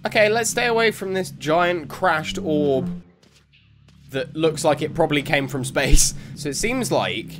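A man's voice: on the high side, a little slow, music in the background. A young man giving let's-play commentary on a horror game, jumpy and exclaiming, often laughing. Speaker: gaming youtuber.

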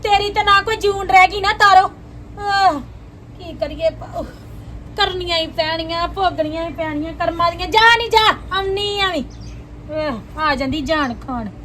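A woman's voice: very high-pitched, a little slow, slight background noise, exaggerated voice. A woman playing a sighing, grumbling old mother-in-law. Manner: sighing, complaining, hushes others.

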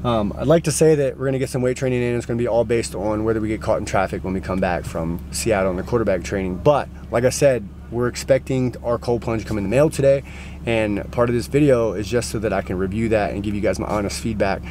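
A man's voice: lowish voice, fairly even intonation, fast, a little mellow. An American man in his thirties chatting casually to viewers as a vlogger. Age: 30s. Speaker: vlogger and gym owner. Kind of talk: casual vlog chat. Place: outdoors on forest trail, later inside a car. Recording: clear outdoor and vehicle background noise.

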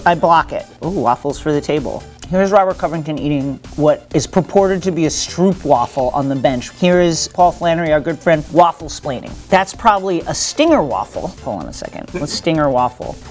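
A man hosting a comedic basketball show, sarcastic and jokey, swinging between deadpan asides and excited outbursts. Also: fairly high pitch, normal speed, few pauses, soft background music. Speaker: host. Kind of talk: comedic sports commentary.

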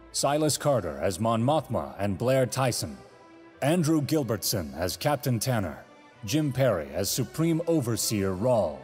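A man with a mid-range, somewhat dark voice reads scripted narration and credits as an audio drama's announcer, delivering them dramatically. Orchestral film music plays behind him.

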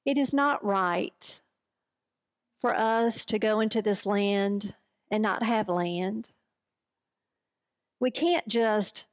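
A woman's voice: medium pitch, no echo, lightly acted. A woman voicing a determined biblical sister who insists that an unjust situation must change. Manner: firm, earnest.

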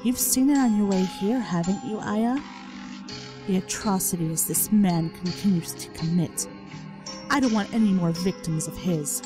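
Possessive ghost mother, cold and menacing, played by a woman, drawn out, over game music. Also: lightly acted. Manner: low, slow and menacing. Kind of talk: dramatic reading of game dialogue.

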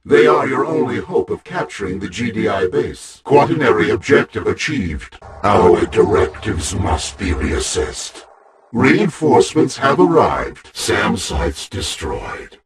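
A man voicing a cold, commanding male AI of a war faction in a video game, giving clipped status announcements with loud crowd noise behind. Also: fairly low pitch, measured pace. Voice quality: flat, mechanical, menacing.

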